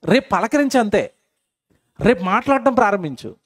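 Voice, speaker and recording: Animated high-pitched male preacher. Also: normal speed. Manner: keeps asking the congregation questions and answering them; repeats phrases for emphasis. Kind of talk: sermon.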